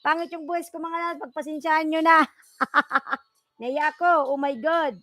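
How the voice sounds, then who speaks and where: Giggly hoarse woman on a live stream. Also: high voice, steady tone, moderate pace, pushed and bright, no echo. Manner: giggly, self-conscious, greets viewers by name. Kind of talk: casual live-stream chat with sung lines.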